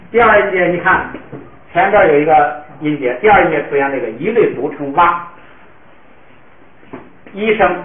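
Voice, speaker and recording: Patient male teacher, tinny echoey room. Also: on the high side. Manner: patient, models words slowly for the class to repeat. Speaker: language teacher. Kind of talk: classroom pronunciation lesson.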